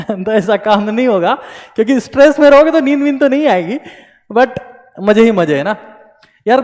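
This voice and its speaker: A man's voice: on the high side, darkish tone. A young Indian man teaching exam students in a playful, joking way, slipping into comic voices and a Haryanvi tone, and he feels a bit unwell. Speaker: coaching teacher. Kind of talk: motivational talk to exam students. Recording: long hall reverb.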